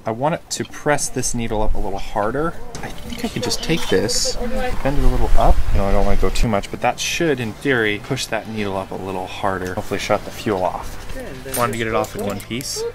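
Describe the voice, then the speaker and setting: A man's voice: on the low side, lively intonation, fairly quick, a crowd in the background. A young man outdoors beside machinery, chatting and thinking aloud as he works with his hands. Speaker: homestead vlogger. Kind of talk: casual hands-on explaining.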